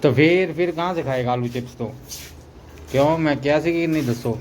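A man's voice: fairly high pitch, fairly quick, a little mellow. A man with a Punjabi accent chatting casually for a home vlog, repeating phrases for emphasis, on a noisy handheld recording. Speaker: vlogger's husband filming along.

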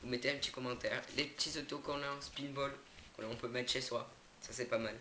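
A man's voice: mid-range voice, steady tone, a little fast, pushed and bright. Young man unboxing, hesitant, roomy echo. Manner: hesitant, many fillers and self-corrections. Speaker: YouTuber unboxing products. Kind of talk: casual unboxing vlog. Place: indoors, not at his home. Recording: echoey room, noisy background. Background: crinkling packaging and clicks.

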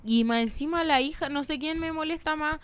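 A woman's voice: high-pitched, brisk, a bit bright. A Chilean woman co-hosting a podcast in casual, jokey chat, often cutting in. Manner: chatty, jokey, interjects often. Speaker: podcast co-host.

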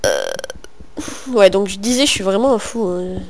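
A man's voice: sits high, normal speed, a little hiss or hum. A young teenage boy doing casual, joking commentary over a game, rambling and talking to himself and his viewers through a home computer microphone. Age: young teen, in middle school. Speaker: gaming video host. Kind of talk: casual let's-play commentary.

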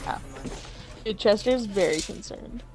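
A woman co-playing a video game, chatting casually with quick, reactive comments. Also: medium pitch, loud music behind the voice. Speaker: co-player. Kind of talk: casual gaming chat.

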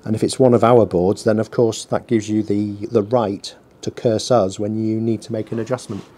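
Man, low voice, warm dark tone, casual rambling vlog, faint background hum. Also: fairly even intonation, moderate pace. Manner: self-deprecating, rambling, dry humour. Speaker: small business owner blogging his work. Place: workshop with a heater running. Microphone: mic on the bench below him.

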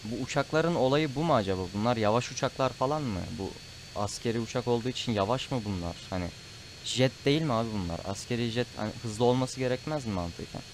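A man's voice: medium pitch, expressive, fast talker, a little hiss or hum. A man doing casual gameplay commentary, chatting to viewers and often getting frustrated. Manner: chatty, frustrated outbursts, calls the audience "abi". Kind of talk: casual Let's Play commentary.

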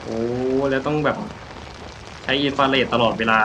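A man's voice: mid-range voice, steady tone, normal speed, noisy background. A man streaming a horror game, talking to himself and the game, jumpy and joking as he plays. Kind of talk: horror game let's play commentary. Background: rain and thunder from the game.

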